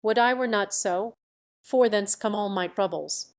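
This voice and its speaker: A woman's voice: medium pitch, measured pace, lightly acted. A woman voicing a vain, scheming young country woman who brags about her beauty, in a storybook reading. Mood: mock lament. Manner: boastful, self-satisfied.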